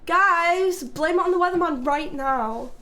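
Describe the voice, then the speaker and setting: A young woman from England hosts a live stream, chatting casually with her chat, swearing freely, and playfully teasing people. Her very high voice is unhurried, pushed, and bright.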